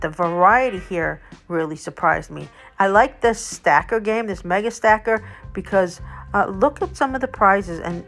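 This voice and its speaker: Narrating a laid-back vlog tour, a video host and local guide chats enthusiastically in a fairly bright voice on the low side. Music runs under her narration.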